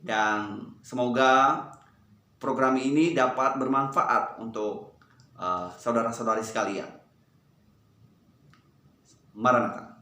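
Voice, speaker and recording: A young man guides listeners through memorizing a Bible verse. He counts them in and recites the verse slowly, over and over, in a clear, bright voice. The room gives his voice a noticeable echo. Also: mid-range voice. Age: young adult. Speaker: seminary student leading Bible verse memorization. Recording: roomy echo.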